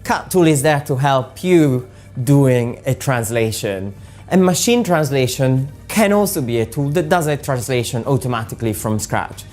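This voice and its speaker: An Italian woman, a native Italian speaker, presents translation software, explaining it patiently step by step with frequent ums. Her voice is very low and dark in tone but animated, at a normal speed, with faint music behind her.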